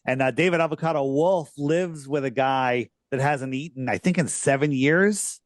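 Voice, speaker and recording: A man's voice: medium pitch, no room sound, studio quality. A man in his sixties hosting a podcast in casual, emphatic conversation. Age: 60s. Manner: emphatic and conversational, drawn-out stresses. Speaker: podcast host.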